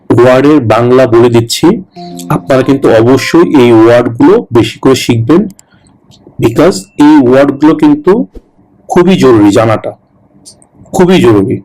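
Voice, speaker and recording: A man, tutoring for a citizenship test, slowly repeating English words and then explaining them quickly. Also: mid-range voice, darkish tone, rough recording.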